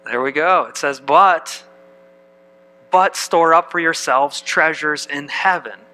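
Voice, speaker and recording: Bright-voiced male pastor preaching. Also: a little high, slow pace, poor audio. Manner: reads scripture aloud and asks the congregation questions. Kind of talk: sermon.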